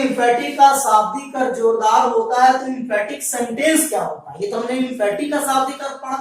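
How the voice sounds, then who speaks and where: A man teaching a grammar lesson to a class. He keeps repeating points and quizzing the students. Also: very high voice. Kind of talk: classroom lecture. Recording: very echoey room, mic far off.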